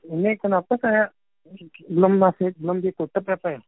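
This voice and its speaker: Male caller, twenties, short plain replies, lightly raised pitch, dry telephone sound. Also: steady tone, normal speed, no room sound. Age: 20s. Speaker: customer calling a bank. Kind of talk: casual, terse phone complaint. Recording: tinny phone-line call recording.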